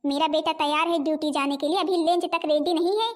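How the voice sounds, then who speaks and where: Nagging cartoon mother-in-law voiced by a woman, high voice, scolding, loud complaints. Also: steady tone, fairly quick, close to an everyday voice. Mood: indignant. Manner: scolding, calling out loudly. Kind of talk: homemade cartoon voice acting.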